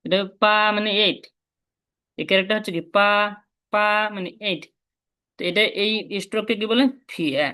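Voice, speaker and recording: A woman with a Bangladeshi Bengali accent teaches in a casual, unhurried way, walking through each step and saying syllables over and over. Her voice sits at an ordinary middle pitch. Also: sharp tone. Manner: repeats syllables slowly, step-by-step explaining. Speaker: Chinese language teacher. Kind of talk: casual spoken lesson.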